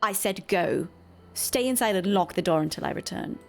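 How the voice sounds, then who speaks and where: A woman's voice: mid-range voice, expressive, moderate pace, creaky, soft background music. A woman voicing a protective teenage boy from a video game, bitter and weary, with a grave, pleading delivery. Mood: stern. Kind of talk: reading video game dialogue.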